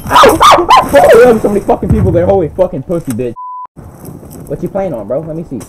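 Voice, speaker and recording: A young man commentating his own online shooter match, with profane, hot-tempered trash talk and bursts of yelling. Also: a little high, expressive, fast talker. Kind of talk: live gameplay commentary. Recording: gameplay audio noise under the voice. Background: game sounds, gunfire and vehicles.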